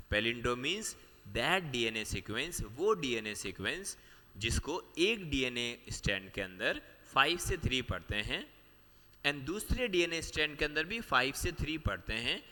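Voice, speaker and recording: A man teaching a biology class for exam prep. He explains step by step, repeats the key points and keeps asking the students quick questions. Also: mid-range voice, sharp tone, in a large hall. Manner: explains step by step, mixing Hindi with English terms.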